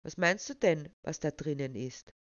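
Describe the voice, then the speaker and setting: A woman's voice: low voice, normal speed, no echo, highs cut off, lightly acted. A woman reading a storybook and voicing a defiant young woman who challenges a man snippily. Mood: snippy.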